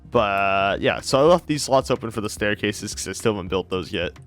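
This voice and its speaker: Sick, sleepy male gameplay host, rambling and self-correcting, deep voice. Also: moderate pace, a bit bright, faint music behind. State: sick and tired, slurring words. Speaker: Minecraft series host. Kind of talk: casual gameplay commentary.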